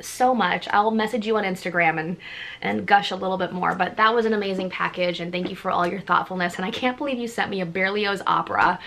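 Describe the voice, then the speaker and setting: A woman vlogger, excitedly opening fan mail and gushing over each gift in a casual chat. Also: mid-range voice, a little hiss or hum.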